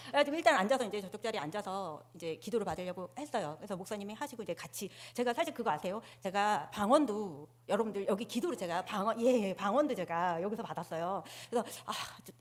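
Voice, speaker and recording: A woman's voice: mid-range voice, expressive, fast talker, hardly any pauses. A woman giving a personal testimony to her church congregation on a handheld microphone, telling her story candidly and poking fun at herself. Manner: candid, self-mocking storytelling. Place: church sanctuary.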